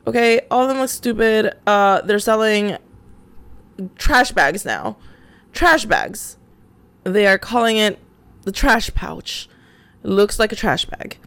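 A woman's voice: fairly low pitch, no room sound. A young woman hosting a podcast, ranting in a casual, exasperated way, swearing and restarting her sentences. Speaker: podcast host.

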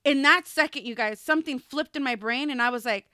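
A woman's voice: sits high, fairly quick, smooth, no room sound, clean studio sound. A woman in her thirties co-hosting a podcast, telling stories animatedly and acting out what people said. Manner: animated storytelling, acts out quotes. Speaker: podcast co-host. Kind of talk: casual chat.

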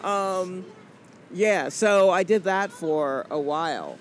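A Southern woman in her forties, a comedian from Atlanta, talks slowly in a lowish voice during a casual interview. Her chat meanders with jokes and frequent fillers, and a little hiss or hum can be heard.

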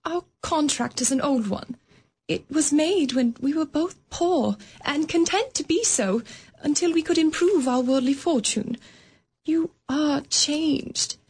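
A woman playing Belle, a young woman gently and earnestly releasing her fiancé in a radio drama. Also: high voice, measured pace. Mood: sorrowful.

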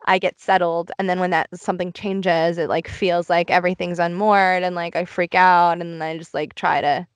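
A woman's voice: fairly low pitch, little pitch movement, normal speed, few pauses, smooth, no echo. Young woman talking from inside a closet. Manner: candid and introspective, heavy use of "like". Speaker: podcast host. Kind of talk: casual confessional chat.

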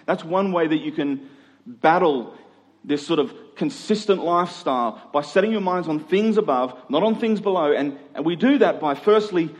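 An expressive, slightly high-pitched man preaches at normal speed to a congregation gathered in a large room. He is from Queensland, Australia, and his sermon is earnest and conversational, repeating phrases for emphasis. Long reverb from the hall fills the recording.

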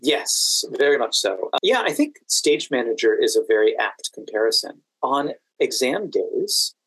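A Washington, D.C. man, an exam event manager and educator, explains his work as a podcast guest in an articulate, methodical, conversational way. His medium-pitched voice swings widely in pitch, has a fairly bright tone with a breathy edge, and moves at a measured pace. The recording is rough, with no room sound.

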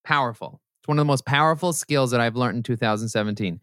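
A man guests on a podcast and talks with emphatic, motivational drive, his mid-range voice pushing into animated, sermon-like bursts. The sound is dry and close to the mic. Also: medium pitch, quick pace, clean tone, no room sound. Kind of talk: podcast interview. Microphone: podcast microphone.

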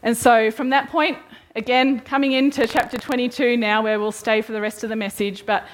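A woman preaching a sermon, retelling scripture as a lively story and acting out the quoted voices. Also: a little high, brisk, slight background noise.

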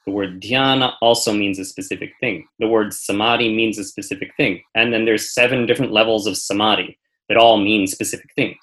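Low-voiced man explaining patiently. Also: steady tone, fairly quick, few pauses, fairly bright tone, rough recording. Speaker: meditation teacher. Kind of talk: conversational interview answers.

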